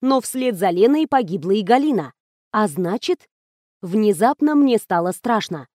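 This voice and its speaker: A woman reading a first-person detective story aloud as an audiobook narrator, in a measured storytelling way. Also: medium pitch, animated, darkish tone, dry recording, studio quality.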